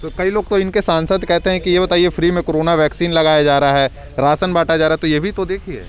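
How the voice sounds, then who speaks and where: A man's voice: on the high side, steady tone, fast talker. A man reporting on the street, asking probing questions of the people he interviews.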